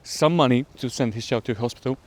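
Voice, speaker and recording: Male co-host, mid-range voice, rambling casual talk outdoors. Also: medium pitch. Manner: rambling, halting plot summary with fillers. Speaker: podcast co-host. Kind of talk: casual chat while walking. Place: outdoors on a stroll.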